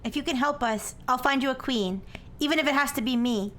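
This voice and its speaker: A woman voicing an earnest young woman in a paranormal romance visual novel, reading in a soft, solemn, dramatic way. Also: fairly quick. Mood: pleading, resolute. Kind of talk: visual novel read aloud. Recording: noisy, low rumble behind.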